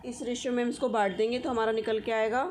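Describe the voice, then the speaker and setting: A woman's voice: on the high side, flat delivery, quick pace, a little mellow, slight background noise. A woman teaching accounting, walking through the steps one at a time and checking in with her students often. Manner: explains step by step with frequent check-ins. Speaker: commerce teacher. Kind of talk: accounting lesson walkthrough.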